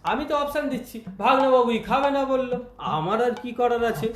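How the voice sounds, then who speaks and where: A man's voice: very high voice, a bit bright, reverberant, slight background noise. A man as a fussy servant reciting options. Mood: deadpan. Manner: drawn-out, fussy listing, repetitive. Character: pedantic servant listing endless options.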